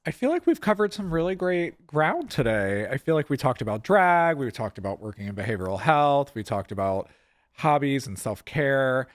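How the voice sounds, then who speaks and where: A man's voice: medium pitch, big pitch swings, moderate pace, no room sound. Hesitant male podcast host, dry sound. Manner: hesitant, many "uh" and "um" fillers. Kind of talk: casual podcast chat.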